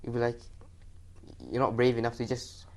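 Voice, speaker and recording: A man's voice: medium pitch, monotone, normal speed, darkish tone. A fourteen-year-old boy from Malaysia, a talk show guest who often repeats himself mid-sentence. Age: teen. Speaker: young guest.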